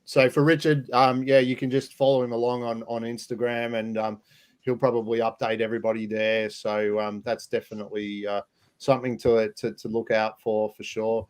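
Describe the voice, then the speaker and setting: A man's voice: medium pitch, little pitch movement, normal speed. A man hosting a casual livestream chat, talking with many fillers and restarts. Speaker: livestream host.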